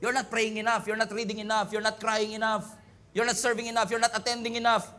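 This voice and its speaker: A male pastor with a Filipino accent preaching an animated sermon, switching between Tagalog and English and mimicking voices for humor. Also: high-pitched, fairly quick.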